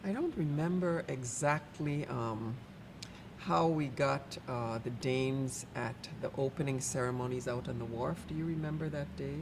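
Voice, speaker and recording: Gravelly speaker recollecting over background noise. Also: mid-range voice, a little slow. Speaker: event emcee recalling ceremonies. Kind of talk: casual recollection. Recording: clearly noisy background.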